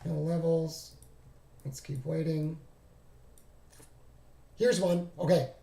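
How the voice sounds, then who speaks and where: A trading streamer is losing his voice as he walks through his charts on a casual screen-share, thinking aloud and often stopping to correct himself. His voice is gravelly and fading, a little high, mellow and darkish, with fairly even intonation and a slow pace. A clear echo comes from the room.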